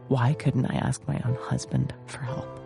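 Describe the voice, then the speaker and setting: Gravelly man narrating an audiobook. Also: mid-range voice, big pitch swings, a little slow, music in the background. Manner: intimate, confessional. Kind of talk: first-person audiobook narration.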